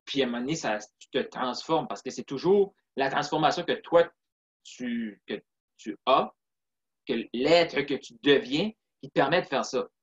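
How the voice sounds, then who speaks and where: A man's voice: medium pitch, moderate pace. Earnest Québécois man, dull lo-fi sound. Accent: Québécois French. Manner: reflective, earnest, frequent "tu sais" and "puis". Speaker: interview guest, sales closer. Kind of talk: casual interview talk.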